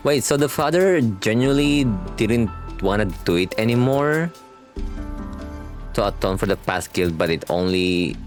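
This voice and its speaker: In a casual live game reaction, a man with an expressive voice on the low side talks at a moderate pace. He's a streamer reacting to the story, dropping slangy comments and reading on-screen text aloud over the music.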